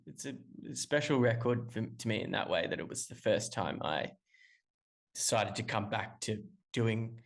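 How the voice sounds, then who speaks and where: Calling in from afar, an Australian musician answers interview questions casually and at length, rambling with many restarts and fillers. His fairly low voice is expressive, with vocal fry, and moves at a moderate pace.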